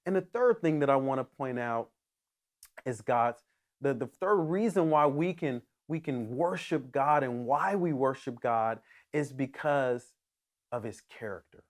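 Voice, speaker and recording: A man's voice: mid-range voice, lively intonation, a little slow. A man preaching a sermon as pastor, earnest and emphatic, often restarting his phrases as he builds toward a point.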